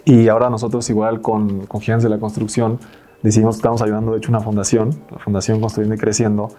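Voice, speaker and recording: A man, co-hosting a podcast with calm, even remarks. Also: lowish voice, fast talker. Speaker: podcast co-host. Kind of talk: casual interview talk.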